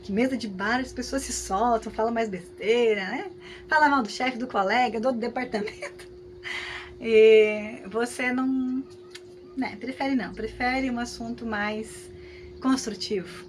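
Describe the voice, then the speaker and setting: A woman with a Brazilian Portuguese accent teaching a class, talking in a lively, conversational way with frequent tag questions. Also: on the high side, measured pace, a little hiss or hum. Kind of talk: lecture with hypothetical examples.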